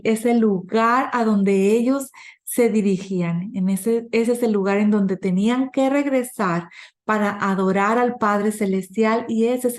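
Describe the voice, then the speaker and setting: A woman teaching a weekly Bible study class, explaining verses slowly and patiently, with small restarts and fillers as she goes. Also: medium pitch, darkish tone.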